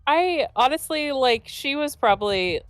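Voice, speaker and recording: A woman let's play streamer with a high-pitched voice, lively intonation, and a stuffy, congested nose chats casually about the game at an unhurried pace, giggling often and tripping over restarts. There's no echo, and faint music sits behind her.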